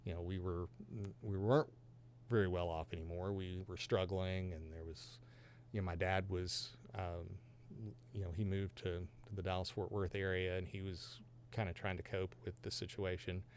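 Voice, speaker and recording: His delivery is flat and moderately paced, his pitch low, and a little hiss or hum sits under the audio. He's a man in his fifties from Georgia and Texas in the USA, giving a heartfelt, reflective faith testimony in a podcast conversation, lightly self-deprecating along the way.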